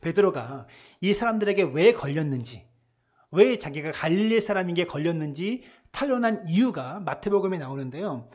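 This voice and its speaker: A male pastor preaching a Sunday sermon in a church, swinging between hushed soft lines and loud emphatic ones. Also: high-pitched, expressive, normal speed. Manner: acts out voices in retelling scenes.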